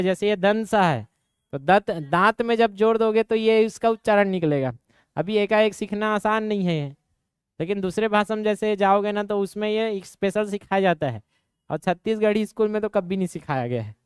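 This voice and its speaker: Clear and resonant, his high voice carries a slight nasal ring as this young man from Chhattisgarh, India, coaches students for exams in a Chhattisgarhi accent. He asks rapid questions, supplies the answers himself and now and then uses regional dialect. The sound is dry and studio-clean.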